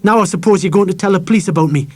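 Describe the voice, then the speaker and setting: A man's voice: high-pitched, racing, darkish tone, husky, no echo, pitched above the performer's own voice. A man doing a fierce boy. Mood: defiant. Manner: fierce, bitter and proud. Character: angry defiant young boy living alone.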